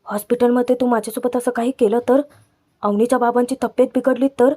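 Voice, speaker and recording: A woman reads out a smug young man's lines, mocking and gloating over a rival suitor. The voice stays mellow and fairly high. It comes from a spoken TV serial recap. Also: fairly even intonation, fast, lightly acted. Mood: taunting. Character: arrogant taunting young man, rival suitor.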